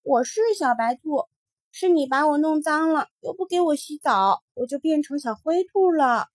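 A woman voicing a small, sweet rabbit from a handkerchief who chats and gently scolds, in a children's storybook reading. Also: high-pitched, lively intonation, moderate pace, no room sound, studio quality. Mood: scolding.

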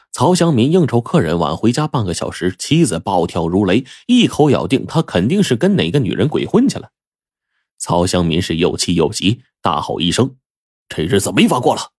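A man telling a story aloud in a lively, folksy way. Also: lowish voice, no room sound, studio quality. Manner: lively, folksy narration with drawn-out particles. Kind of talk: oral storytelling.

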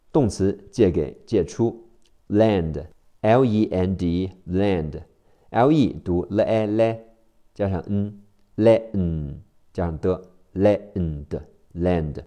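A man teaching English vocabulary in a phonics drill, spelling out each word letter by letter in a slow, deliberate way. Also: deep voice, dark tone.

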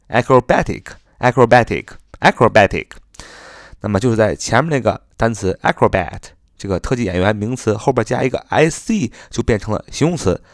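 A man with a fairly low voice gives an English vocabulary lesson in Mandarin Chinese. He repeats each word several times and spells it out letter by letter. His English carries a Mandarin Chinese accent, and the recording is dry with no room sound. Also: no room sound. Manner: spells words letter by letter and repeats them slowly.

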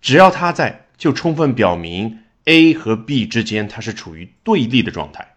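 A man's voice: medium pitch, very animated, moderate pace, highs cut off. A man teaching English vocabulary and sentence structure in a recorded lesson, explaining patiently and asking rhetorical questions as he goes.

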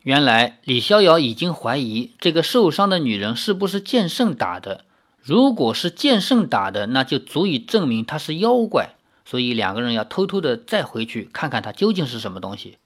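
Expressive man reading a novel aloud. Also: mid-range voice, normal speed. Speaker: storyteller.

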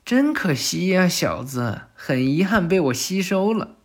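A man's voice: high-pitched, very animated, a little slow, full character voice. A man voicing a cocky, menacing male villain from an anime in a sneering, taunting tone.

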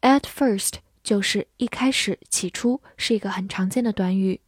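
A woman English teacher giving a scripted vocabulary lesson, spelling words letter by letter and reading example sentences aloud slowly and carefully. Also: medium pitch, breathy edge, dry recording, clean studio sound.

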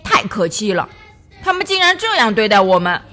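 A woman voicing an angry male elephant king in a children's storybook, loud and huffy. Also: medium pitch, sing-song, fairly quick, soft background music. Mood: indignant.

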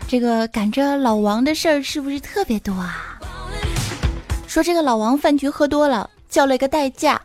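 A woman hosts a comedy podcast with a high, bright-pitched voice, teasing and joking in an animated way. She narrates the setups of the jokes herself. Music plays clearly behind her the whole time. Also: normal speed. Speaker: podcast host. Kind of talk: comic podcast hosting. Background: background music.

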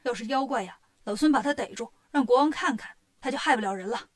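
A woman voicing a clever, boastful male monkey king in a storybook reading, talking briskly and confidently. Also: a little high, lightly acted.

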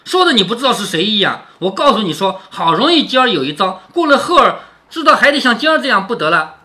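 A woman's voice: mid-range voice, very animated, fast, pushed and bright, voice pushed up. A man reading aloud the lines of a playful, teasing young noblewoman in a classic novel. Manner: teasing, joking.

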